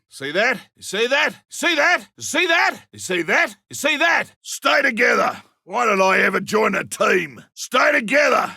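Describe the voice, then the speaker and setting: Griffin, gravelly old veteran monster hunter. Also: male voice, sits high, sharp tone, no echo, clean studio sound, heavily acted. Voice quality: gruff, gravelly. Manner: colloquial, wry, theatrical. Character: ageing veteran monster hunter, gruff, cocky and stubborn. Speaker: playable game character. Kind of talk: video game combat voice lines.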